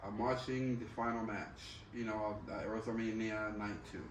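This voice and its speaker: This man's voice is on the low side, at normal speed with fairly even intonation, recorded on a distant mic in a roomy space over faint background noise. He's chatting casually and candidly, cursing freely and repeating himself in slangy phrases.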